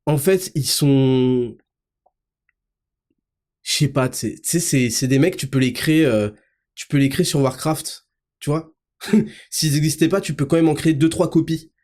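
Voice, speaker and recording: A man hosting his own show, ranting crudely and mockingly, laughing often between outbursts and low mutters. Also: moderate pace, long pauses, a little mellow. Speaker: host. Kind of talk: ranting monologue.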